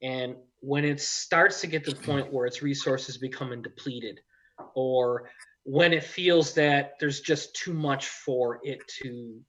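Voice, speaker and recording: A man's voice: medium pitch, slow pace, fairly bright tone. Plain-spoken man on dull lo-fi audio. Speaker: event organizer and show host. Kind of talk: casual chat.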